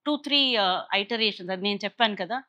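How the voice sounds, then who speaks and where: A woman's voice: medium pitch, normal speed, sharp tone. A woman with an Indian Telugu accent explaining things in an interview, switching freely between Telugu and English. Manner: explanatory, with English phrases dropped into Telugu sentences. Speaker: guest explaining a maker center's projects.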